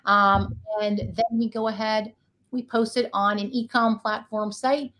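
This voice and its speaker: A woman's voice: medium pitch, little pitch movement, measured pace, a bit bright. A woman guest talking casually in an interview, chatty and playful. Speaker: guest, talent acquisition executive.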